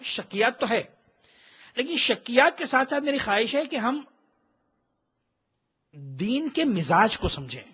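A man's voice: very high voice, bright, forceful tone, slightly rough. A man who is a cleric, teaching a religious class in an explanatory, emphatic way and slipping English phrases into his talk. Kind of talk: religious lecture. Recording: dull lo-fi recording.

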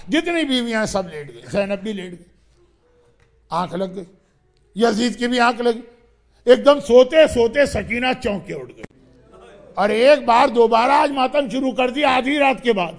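A man's voice: very high voice, vocal fry. A male preacher telling a mournful story in an emotional sermon, with rhythmic, lamenting delivery. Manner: rhythmic, lamenting, dramatic narration.

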